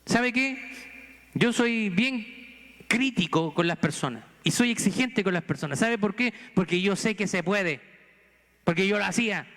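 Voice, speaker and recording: A man's voice: sits high, expressive, measured pace, fairly bright tone, long reverb tail. A man from Chile, a pastor with a Chilean accent, preaching a sermon earnestly and pressing the congregation with rhetorical questions. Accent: Chilean Spanish. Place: church sanctuary.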